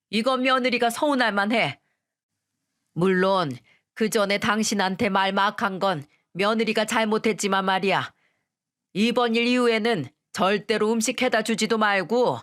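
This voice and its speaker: A woman's voice: a little high, a bit bright, close to an everyday voice. Woman doing a stern scolding father-in-law. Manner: gruff, lecturing.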